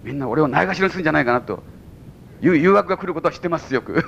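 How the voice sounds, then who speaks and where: A man with a Mikawa Japanese accent preaching a sermon as pastor to a congregation, with sudden high exclamations and chuckles. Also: animated, racing, vocal fry, a bit bright, lo-fi sound, slight background noise. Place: church service before a congregation.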